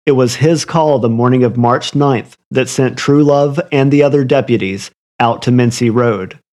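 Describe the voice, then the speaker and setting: A man's voice: medium pitch, moderate pace, darkish tone. A man narrating a scripted true crime story in an ominous, literary storytelling manner. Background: music under the voice.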